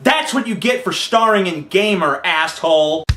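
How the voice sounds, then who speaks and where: A man's voice: high voice, lively intonation, normal speed, reverberant, over loud music. A man hosting a comedic trailer review show, talking with sarcastic, exasperated mock indignation.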